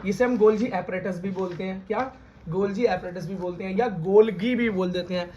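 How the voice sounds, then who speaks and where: A man's voice: high voice, fairly even intonation, moderate pace, dark tone. A man teaching a biology lesson, who calls his students "beta", asks them questions and repeats their answers. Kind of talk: classroom lecture. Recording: dull lo-fi recording.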